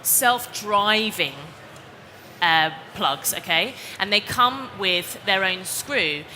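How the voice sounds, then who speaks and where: A woman's voice: mid-range voice, animated, takes it slowly, pushed and bright. A woman, presenting a live DIY demonstration and explaining each step in a chatty way. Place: exhibition hall stage. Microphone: headset or lapel mic. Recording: reverberant hall, faint background noise.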